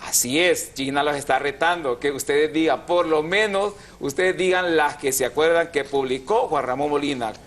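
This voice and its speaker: A man hosting a television language show explains spelling and accent rules in a calm, instructive way, slowing to spell words out syllable by syllable. His voice sits a little high for a man and sounds a bit bright.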